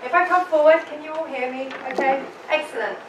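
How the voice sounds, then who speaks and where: A woman from England with a London accent and a high voice moderates a panel, talking fairly quickly and chatting with the audience as she puts questions to them. She sounds engaging, but the recording is very noisy, taken from some distance in a roomy event hall.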